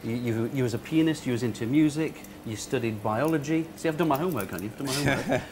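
A man's voice: mid-range voice, rapid-fire. A man presenting a cooking show on location in a restaurant kitchen, upbeat and chatty, asking leading questions. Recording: noisy kitchen location sound.

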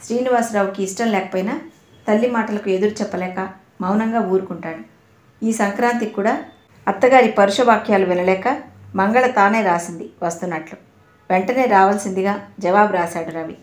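A woman narrating an audio novel in a measured, even storytelling manner. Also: mid-range voice. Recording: roomy echo.

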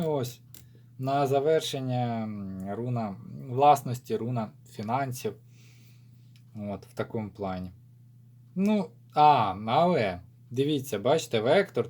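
Ukrainian-accent guy doing a rune reading, mellow dark voice, thinking out loud with lots of "well, so". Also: mid-range voice. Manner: thinking aloud, drawn-out fillers. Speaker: rune reader. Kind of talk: casual spoken rune divination.

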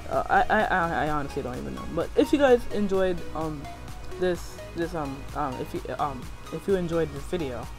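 A man's voice: fairly high pitch, expressive, moderate pace. A young man doing casual gameplay commentary in a rambling, slangy, self-hyping manner as a video host. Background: music.

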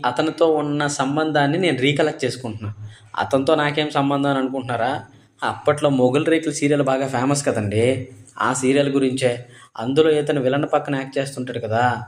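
A man's voice: medium pitch, reverberant. A young man, telling his own story casually to viewers as a bike taxi rider, chatty and polite, often speaking to listeners directly.

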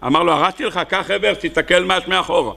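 A man with an Israeli accent speaks with vocal fry and a sharp tone. He is a rabbi delivering a Hebrew sermon, telling parables in a storytelling manner and acting out their characters with sudden high cries.

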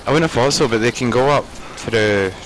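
A man's voice: medium pitch, a little fast, fairly bright tone, low-quality recording. A man playing an online game, unsure of the route and asking his teammate tactical questions. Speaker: game player. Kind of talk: gameplay voice chat. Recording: voice chat with clear background noise.

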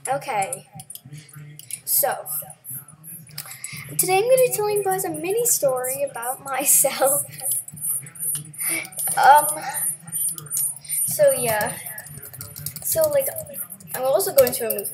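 A woman's voice: high voice, animated, takes it slowly, pauses often, darkish tone. A woman vlogger casually telling a story to her viewers, rambling and giggly with many restarts, her voice echoing in the room. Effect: echoey room sound. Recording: echoey room with people chatting behind.

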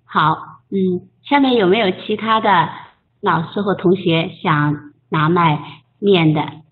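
A woman teaching English pronunciation in an online group lesson, patiently coaching and modeling sounds slowly. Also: lowish voice. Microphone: voice chat. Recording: tinny phone-like line.

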